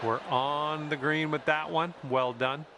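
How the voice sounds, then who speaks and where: A man's voice: on the high side, steady tone, measured pace, pushed and bright. A man giving golf commentary, speaking to the player in short, encouraging observations. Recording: crowd and ambient noise behind. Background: crowd ambience.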